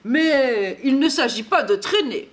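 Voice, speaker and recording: A woman reading aloud, voicing a hurried, kindly old Santa Claus in an urgent, exclaiming way. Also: high-pitched, expressive, slight background noise. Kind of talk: storybook read-aloud.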